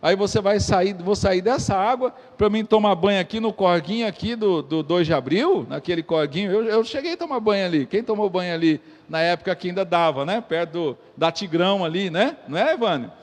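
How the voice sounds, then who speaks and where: High-voiced Brazilian preacher in an echoey hall. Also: male voice, lively intonation, a little fast, few pauses. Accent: Brazilian Portuguese. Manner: questions the congregation and retells the story in dramatic voices. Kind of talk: sermon with scripture reading. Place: church.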